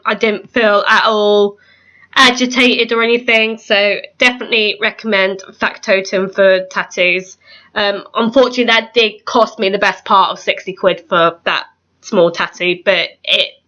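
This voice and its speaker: Her voice is mid-range with a sharp tone, and the highs sound cut off. A woman in her twenties, she vlogs casually to camera at home, rambling, saying um a lot and correcting herself. It's recorded in an echoey room, first on a camera and then on a webcam.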